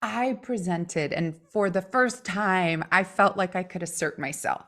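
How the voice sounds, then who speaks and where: A middle-aged woman voice coach chatting with a co-host, animated and quick to laugh as she explains a warm-up. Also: on the low side. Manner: animated, laughs often, quotes others in lively voices. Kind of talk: casual conversation, coaching.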